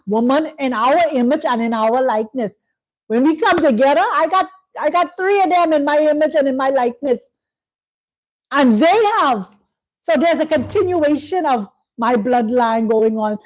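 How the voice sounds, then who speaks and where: A woman's voice: high voice, darkish tone, rough recording. A woman hosting a spiritual talk, speaking in a preachy way, repeating phrases and checking in with "you see?". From Bahamas. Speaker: host. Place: Kenya.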